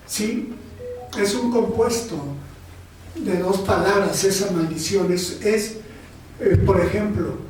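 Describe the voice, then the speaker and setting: High-voiced preaching man in echoey hall. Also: slight background noise. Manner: slow, conversational preaching with frequent "¿sí?" and "este". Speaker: pastor. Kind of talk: sermon. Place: church. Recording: echoey church sound from a distance.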